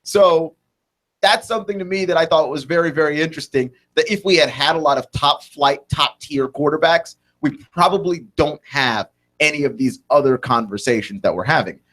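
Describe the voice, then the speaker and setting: A man's voice: fairly high pitch, normal speed, a bit bright. A man in his twenties hosting a sports talk radio show, thinking aloud in a rambling way with many restarts and "right?" tags. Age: 20s.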